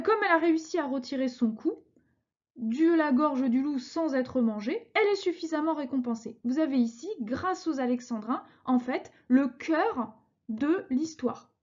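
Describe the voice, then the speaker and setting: A woman's voice: high-pitched, a little mellow, highs cut off. A woman teaching a recorded lesson, explaining verse patiently and reading lines syllable by syllable. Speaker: French teacher.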